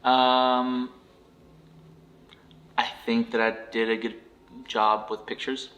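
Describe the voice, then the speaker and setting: A man answering interview questions as a guest in a laid-back, brief, halting way. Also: mid-range voice, little pitch movement, a bit bright. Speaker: guest, rental property investor.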